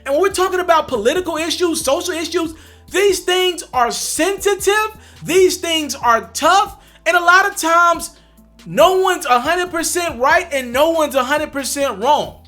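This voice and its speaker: Very high-pitched yet unhurried, this young adult vlog host has a bright, forceful tone, with soft music playing behind him. Talking directly to his audience, he drives points home emphatically through repetition.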